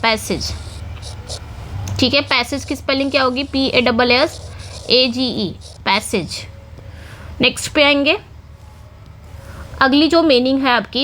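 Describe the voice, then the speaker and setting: A woman's voice: high-pitched, a bit bright. A woman with an Indian accent teaching an exam-prep spelling lesson, explaining patiently and spelling words out letter by letter. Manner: explanatory, repeats words, many "theek hai" fillers. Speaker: English teacher.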